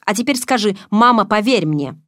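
A woman reading the lines of a smooth, menacing man on the phone, calm and mocking. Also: mid-range voice, normal speed, no echo, clean studio sound, pitched above the performer's own voice, natural voice.

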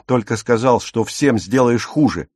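A man's voice: medium pitch, lively intonation, measured pace, a little mellow, slightly rough, no room sound, studio quality. A man reading an audiobook, voicing a sober, irritable young man who speaks tersely. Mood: snapping.

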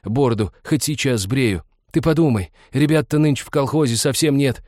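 A man's voice: mid-range voice, normal speed, no echo, clean studio sound, pitched above the performer's own voice, close to an everyday voice. A man playing a whispering bearded wanderer. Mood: pleading. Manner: hushed, whispering, pleading. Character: bearded male wanderer, furtive and pleading.

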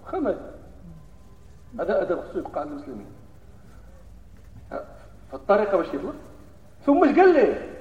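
High fast-talking Moroccan preacher in an echoing hall. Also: male voice. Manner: swings from hushed solemn recitation to loud animated scolding. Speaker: Friday preacher. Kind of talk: Friday sermon in Moroccan Arabic mixed with classical Arabic. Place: mosque hall. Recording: echoey hall from far off, dull lo-fi sound.

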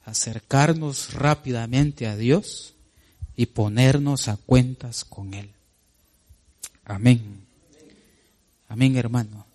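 A man preaching a sermon, addressing the congregation as brothers and reading scripture slowly and emphatically. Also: a little mellow. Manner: rises sharply in pitch on emphatic points.

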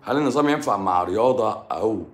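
A man's voice: on the low side, lively intonation, fast talker, roomy sound. A man with an Egyptian Arabic accent talking casually on a livestream as a doctor answering viewers, blunt and teasing, sometimes dropping to a mutter. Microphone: livestream microphone.

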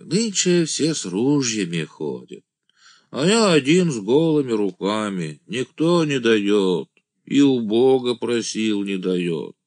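A man voicing a simple-minded village man who calls himself an angel, speaking in a naive, drawn-out singsong. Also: medium pitch, big pitch swings, a little mellow, dry recording, clean studio sound, pitched above the performer's own voice, heavily acted. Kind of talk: audiobook character voice.

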